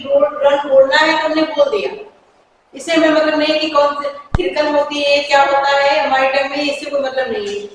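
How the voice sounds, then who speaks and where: High-voiced woman teaching in an echoey room. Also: a little hiss or hum. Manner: slow, repeats example words with care. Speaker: English teacher. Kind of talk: Hindi-medium pronunciation lesson. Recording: echoey room, mic far off.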